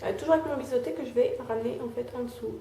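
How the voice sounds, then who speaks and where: A woman's voice: a little high, racing, vocal fry, warm tone. Chatty young woman doing a makeup tutorial. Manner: chatty, fills with "euh" and "hein", talks while applying makeup. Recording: echoey room, faint background noise.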